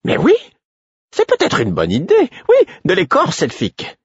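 A sharp-tongued old woman healer scolds from an audiobook, voiced by a male narrator. Her voice sits high and leaps all over the place, with a husky edge. The recording is dry and a little dull. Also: wildly swooping pitch, slow pace, dry recording, full character voice. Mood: excited. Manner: scolding, fretful. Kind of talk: audiobook character voice.

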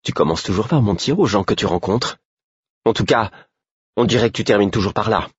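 A man's voice: fairly low pitch, fairly quick, breathy edge, no room sound, lo-fi sound, pitched above the performer's own voice. A man voicing a curt, reproachful young woman, a candlemaker, in an audiobook reading. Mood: scornful.

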